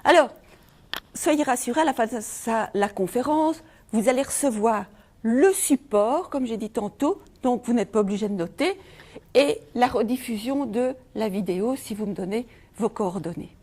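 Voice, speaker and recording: A woman's voice: fairly high pitch, lively intonation, normal speed, a little mellow. A middle-aged Belgian woman giving a conference talk on feng shui, asking the audience rhetorical questions. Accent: Belgian French.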